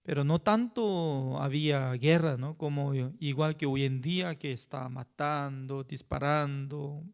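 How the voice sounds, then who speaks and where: A male pastor leading a Bible study, talking in a halting way with non-native phrasing and frequent rhetorical asides. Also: fairly high pitch, creaky, clear, resonant tone.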